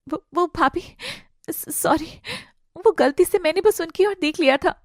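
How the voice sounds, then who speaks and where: A woman's voice: very high-pitched, a little slow, no echo, studio quality, pitched above the performer's own voice. A woman voicing a frightened, abused young wife in an audio drama, stammering and begging through tears. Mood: timid. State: crying.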